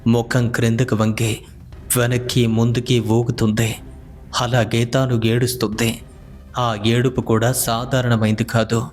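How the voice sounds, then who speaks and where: A man narrating a scripted horror story in a measured, even storytelling manner. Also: medium pitch. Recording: faint music behind the voice.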